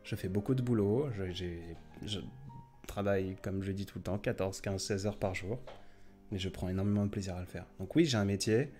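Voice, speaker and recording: A man's voice: deep voice, fairly quick, mellow, faint music behind. A man hosting a casual late-night live stream, chatting in a rambling way with many fillers and restarts.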